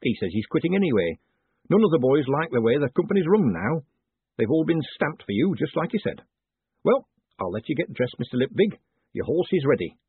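In this audiobook dialogue, a male narrator plays a tiny, birdlike mayor from a storybook, now indignant and conspiratorial, still eager and nervous, chattering in repetitive folksy phrasing with tag endings. The husky voice moves briskly, pitch leaping widely. Sound is dry, muffled and thin, like a phone line.

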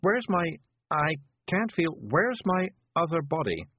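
A man's voice: a little high, sing-song, unhurried, husky, pitched above the performer's own voice, full character voice. A man voicing a dazed, weary older woman witch who speaks faintly and dreamily. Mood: dreamy. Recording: dry tinny phone-like sound.

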